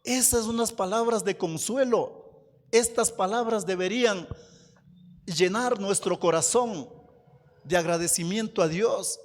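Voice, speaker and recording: A man preaching a sermon as pastor, slow and emphatic, asking the congregation questions. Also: high-pitched, long reverb tail. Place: church hall.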